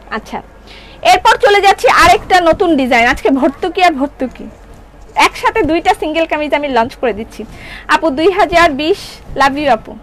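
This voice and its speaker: Bangladeshi lady selling dresses on a live stream, high voice, chatty, faint noise behind. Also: a bit bright. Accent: Bangladeshi Bengali. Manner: chatty, reads viewer comments aloud; mixes English words into her talk. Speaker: clothing shop owner.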